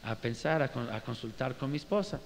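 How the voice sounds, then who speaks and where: A man's voice: mid-range voice, animated, fairly quick, pitched below the performer's own voice, natural voice. A man doing a hesitant farmer. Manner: hesitant, hedging. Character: simple reluctant male farmer, middle-aged. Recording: reverberant room with faint hiss.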